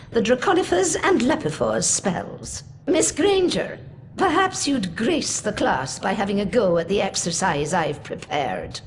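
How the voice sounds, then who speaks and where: A woman's voice: a little high, a little hiss or hum. A woman playing a stern but fair older professor in a video game, speaking formally and precisely like a schoolmistress.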